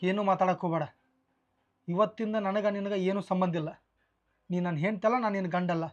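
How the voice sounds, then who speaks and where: A man's voice: high-pitched, steady tone, a little fast. A man playing an angry husband in a rural family drama, scolding his wife. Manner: heated and scolding. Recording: slightly dull sound with faint music.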